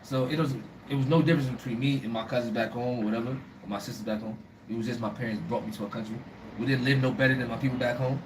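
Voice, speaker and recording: A young man with a New York accent, chatting in a casual interview, animated and emphatic, repeating himself as he makes his points. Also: medium pitch, fast talker. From United States (born in Brooklyn to Liberian parents). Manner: animated, emphatic, laughs often, repeats words. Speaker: guest, travel show creator. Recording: distant mic with faint ambient noise.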